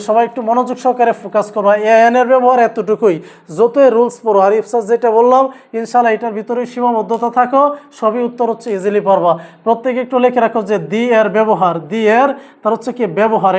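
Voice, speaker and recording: A man teaching an English grammar lesson, asking students repeated rhetorical questions as he drills each rule. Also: extremely high pitch. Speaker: English tutor.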